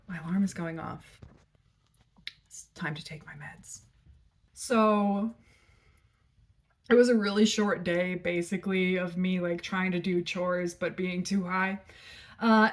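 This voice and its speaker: Frank, rambling woman vlogger. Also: medium pitch. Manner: frank, profane and rambling, with many fillers. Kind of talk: casual storytelling vlog.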